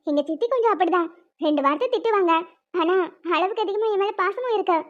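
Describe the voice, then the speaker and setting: A woman's voice: very high voice, fast talker. A woman voicing a meek, patient young woman who speaks politely and apologetically in a cartoon. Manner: soft-spoken, apologetic, polite. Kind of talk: cartoon voice acting. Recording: dull lo-fi sound.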